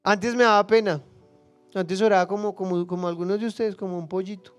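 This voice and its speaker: With fairly even intonation and a brisk pace, a male pastor preaches passionately in a voice that is high, smooth and resonant. He moves between quiet asides and loud cries while acting out prayers and biblical characters, over faint background music.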